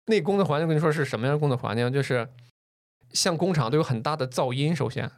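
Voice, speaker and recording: A man talks fast and loud, spilling a story from his early working life in a relaxed podcast chat. He laughs easily and swears offhandedly, and he keeps the pace quick. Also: fairly high pitch. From northern China. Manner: loud, animated, swears casually, laughs often. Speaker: podcast co-host.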